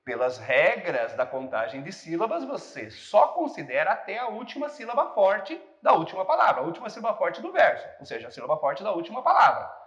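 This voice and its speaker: Male teacher, guides through an exam-prep lesson with animated intonation. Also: high-pitched, a little fast, echoey room, dull audio. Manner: explanatory, guides step by step.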